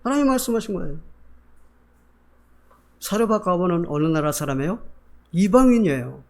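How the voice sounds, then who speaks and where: A man's voice: high voice, expressive, a little fast, a little mellow. A man preaching a Sunday sermon as pastor, asking the congregation rhetorical questions. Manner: acts out Bible figures in quoted voices.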